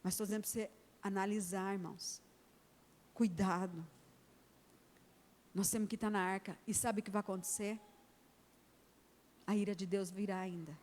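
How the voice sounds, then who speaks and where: A woman's voice: mid-range voice, fairly even intonation, normal speed, pauses often, darkish tone. A middle-aged Brazilian woman pastor preaching an emphatic sermon in a church, acting out conversations with her daughter. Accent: Brazilian Portuguese. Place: church hall. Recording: long church reverb.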